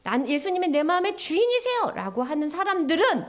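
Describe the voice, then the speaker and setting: A woman giving a children's sermon in a lively, sing-song storytelling way, acting out little voices. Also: very high voice, a little fast.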